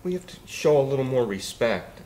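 A man's voice: mid-range voice, sing-song, fairly quick, mellow, lightly acted. An actor playing a man named Curly who insistently scolds his friends to show respect, in indie film dialogue. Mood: scolding.

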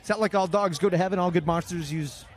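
A man's voice: high voice, fast talker. A man commentating an outdoor wrestling show, reacting with alarm and disbelief. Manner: incredulous, reacting with alarm to the action. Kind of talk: play-by-play commentary.

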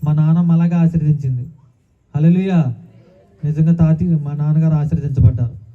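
A man's voice: a little high, fairly even intonation, brisk. A man preaching a sermon as pastor, calling out hallelujah often and asking the congregation questions. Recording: tinny phone-like sound.

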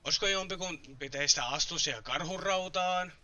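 A man's voice: a little high, pushed and bright, no room sound. A man streaming a video game live, muttering frustrated, swearing commentary.

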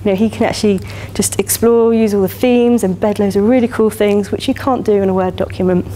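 Perempuan Inggris bersemangat memberi presentasi utama di aula kuliah, suara hangat lembut, sedikit desis latar. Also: female voice, mid-range voice, steady tone, a little fast, mellow, slight background noise. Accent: English. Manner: enthusiastic, chatty, many "you know" fillers. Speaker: keynote speaker. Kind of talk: conference keynote talk. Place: lecture hall, standing by a lectern.

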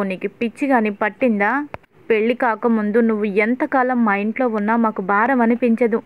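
A woman's voice: fairly high pitch, natural voice. A woman voicing an angry middle-aged mother who scolds her daughter, on tinny phone-like audio. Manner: scolding, reproachful.

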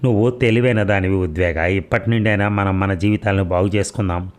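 A tearful middle-aged mother pleads and complains in a plaintive tone, voiced by a male storyteller. The pitch stays low and near the reader's plain voice. This is storybook narration, not a stage performance. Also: steady tone, brisk, natural voice. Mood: defensive.

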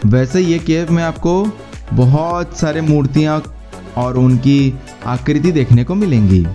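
A man's voice: a little high, unhurried. Man narrating a travel guide voice-over. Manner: steady explanatory guide tone, mixing English words into Hindi. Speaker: travel vlogger. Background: faint background music.

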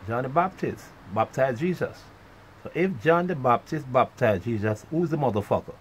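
A man ranting in a profane monologue, rambling and swinging between loud outbursts and muttered asides. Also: mid-range voice, expressive, normal speed, slight background noise, low-quality recording. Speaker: vlogger.

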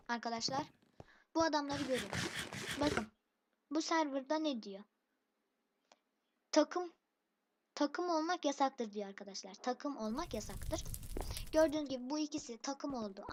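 A woman's voice: high voice, measured pace, pauses often. A woman commentating her own game for a channel, irritated and complaining, calling rivals noobs. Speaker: gaming channel host. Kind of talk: let's play commentary. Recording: noisy background hiss.

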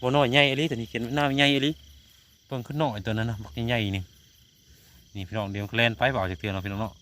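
A man with a northeastern Thai Isan accent hunts frogs outdoors in the countryside at night, giving casual vlog commentary in a racing, slightly bright voice on the low side. He repeatedly addresses his viewers directly while showing off the catch. Insects and crickets are clearly audible in the outdoor noise.

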